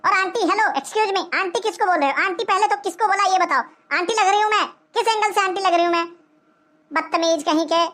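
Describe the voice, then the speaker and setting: A woman voicing a vain cartoon lady who is furious at being called aunty, scolding in a shrill, indignant tone. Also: brisk, fairly bright tone. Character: vain offended woman, insists she's young. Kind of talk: cartoon voice acting.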